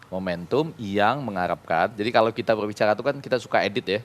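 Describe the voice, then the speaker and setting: Man, talk show guest, lowish voice, brisk delivery, reasoning aloud. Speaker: guest commentator.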